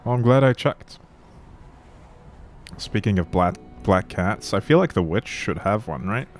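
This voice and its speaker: A man streaming a game live, giving relaxed, playful commentary and explaining things as he plays. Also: on the low side, a little slow. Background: game music.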